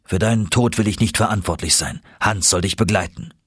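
A man's voice: lowish voice, fairly quick, husky, dry recording, clean studio sound. A man voicing a stern, obsessive old professor on an expedition, commanding and stubborn, in an audiobook reading. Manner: stubborn, commanding, tender at times.

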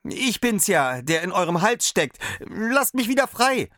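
A man voicing a tiny, frightened boy tailor in a storybook reading, with a high piping voice and urgent, drawn-out calls. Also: sing-song, a bit bright, no room sound, studio quality, full character voice. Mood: pleading.

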